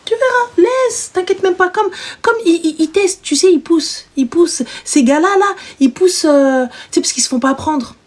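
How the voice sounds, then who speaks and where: A woman's voice: sits high, moderate pace, hardly any pauses. A woman hosting a live stream, giving blunt, teasing, slangy advice to callers in casual chat.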